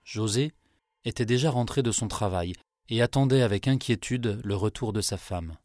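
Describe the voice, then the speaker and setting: A man narrating a children's tale in a calm, measured way. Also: lowish voice, dry recording, clean studio sound. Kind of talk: storybook narration.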